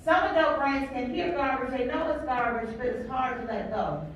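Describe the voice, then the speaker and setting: High-voiced woman counselor, echoey hall. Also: expressive, moderate pace, recorded from a distance, muffled recording, slight background noise. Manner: emphatic, asks the room questions and repeats key words. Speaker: counselor leading a teacher training. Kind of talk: workshop talk to a live audience. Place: large echoey room with an audience.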